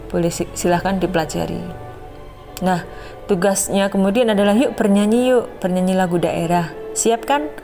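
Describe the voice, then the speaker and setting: A middle-aged woman teacher walks her students through a music lesson step by step. Her voice sits at a middle pitch, and faint music plays behind her. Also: darkish tone. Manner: explains step by step, addresses students directly, sings short folk song examples. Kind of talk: online class lesson.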